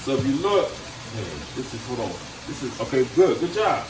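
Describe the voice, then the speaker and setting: A middle-aged man with a medium-pitched, animated voice talks at a normal speed as an uncle teaching his nephew to cook, coaching him casually with slangy, teasing banter. It's a home cooking video shot indoors in a kitchen, with the camera a few feet away giving a roomy, distant sound. Loud frying sizzle and running water fill the background.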